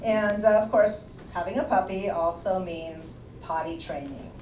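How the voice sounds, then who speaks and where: A woman comedian telling stand-up stories on a small club stage in an animated way, laughing through her lines. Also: on the low side, a little slow, slight background noise. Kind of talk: stand-up storytelling. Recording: roomy club sound from a distance, audience laughter.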